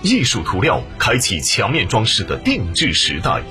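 Radio ad guy, super animated, music bed under him. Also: fairly low pitch, moderate pace. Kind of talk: scripted radio commercial voice-over.

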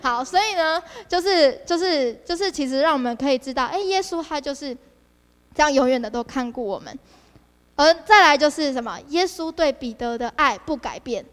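A woman's voice: high voice, fairly quick, long reverb tail. A young woman preaching at a youth service, constantly throwing questions to her listeners. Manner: asks the audience frequent rhetorical questions, animated. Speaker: district leader preaching.

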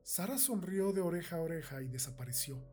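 A man narrating a horror story in a measured, unhurried reading. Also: fairly high pitch, animated, darkish tone, slightly rough.

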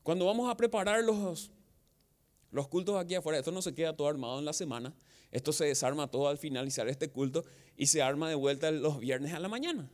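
A man's voice: a little high, a little fast. A man with a Paraguayan Spanish accent preaching a sermon as pastor, asking the congregation rhetorical questions and acting out quotes. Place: outdoor church service.

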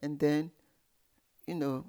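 A man with a fairly high-pitched voice tells stories from his childhood. He explains things in an animated way and drops in many small asides as he goes. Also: slow pace, clean tone. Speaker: guest. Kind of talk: storytelling in an interview.

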